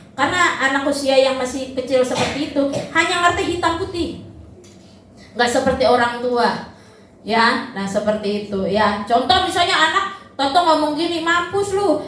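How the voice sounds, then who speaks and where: A woman preaching a sermon at a church service, lively and animated, briefly acting out parents and babies in quick, high voices. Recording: echoey church hall, faint noise.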